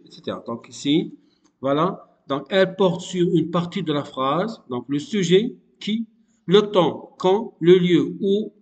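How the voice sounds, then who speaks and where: Guy teaching a grammar lesson, patient, says "donc" a lot, voice a bit high, lots of echo. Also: muffled recording. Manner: patient, repetitive, many fillers.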